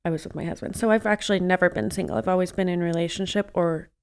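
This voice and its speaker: A woman's voice: lowish voice, steady tone, fast talker, clear, resonant tone. Chatty young woman, podcast guest. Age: 20s. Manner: candid, chatty, laughs often, uses many "like" fillers. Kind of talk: casual interview chat.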